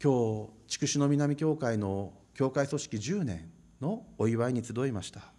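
A man's voice: mid-range voice, sing-song, unhurried, mellow. A man preaching a sermon as pastor, emphatic and repeating phrases for stress.

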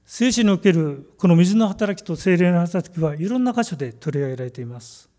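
A man delivers a sermon in a fairly high but mellow voice. His phrasing is measured and deliberate, and he slows down to stress key words. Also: animated. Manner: measured, emphatic preaching with slow stressed phrases. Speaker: pastor.

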